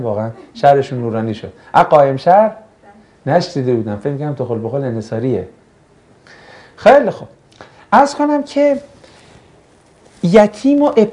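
This religious studies teacher speaks with a dark tone at a fairly high pitch. During his classroom lesson he cracks jokes, banters, and quizzes the students.

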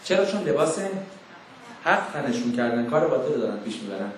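A man preaching a sermon to a young audience, emphatic and full of rhetorical questions, slowly intoning scripture verses in between. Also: mid-range voice, very animated, slight background noise. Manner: emphatic, rhetorical questions, acts out mock dialogues. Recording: very echoey room.

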